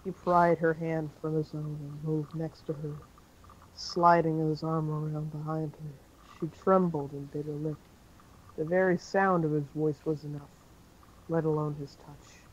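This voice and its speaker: A man's voice: fairly high pitch, level tone, measured pace, highs cut off, slight background noise. A man reading a fan-fiction story aloud in an amateur style, with occasional slips and self-corrections.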